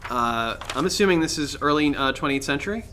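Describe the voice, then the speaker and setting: Bright-voiced joking man on a podcast. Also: a little high, expressive, a little fast, a little hiss or hum. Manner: joking, rambling, many fillers. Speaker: podcast co-host. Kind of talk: casual chat.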